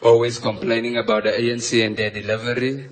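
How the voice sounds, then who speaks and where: A South African man doing a stand-up comedy set, delivering punchlines deadpan and mock-confessional into a stage mic. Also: mid-range voice, fairly quick. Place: comedy stage before a live audience. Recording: live show with clear audience noise.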